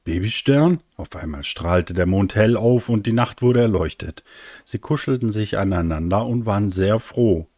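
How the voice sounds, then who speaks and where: A man with a deep, low voice reads a children's bedtime story in a gentle, soothing manner, letting phrases fade softly. The recording is close and dry with no room sound. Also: moderate pace, no room sound.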